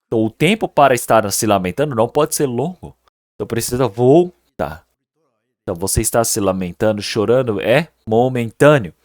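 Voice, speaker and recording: Animated, at a moderate pace, a man with a medium-pitched, darkish voice delivers a Sunday sermon. He's a pastor who preaches earnestly and emphatically, repeating words and asking the congregation rhetorical questions; the sound is dry and clean, like a studio.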